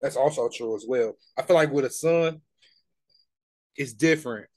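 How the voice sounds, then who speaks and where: A man's voice: mid-range voice, moderate pace, no echo. Laid-back slangy man in his twenties. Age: 20s. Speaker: podcast co-host. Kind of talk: casual chat.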